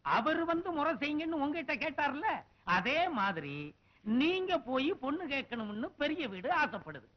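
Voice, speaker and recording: An actor playing a sly, wheedling village man who carries gossip and flatters, in a dull film soundtrack. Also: extremely high pitch, normal speed.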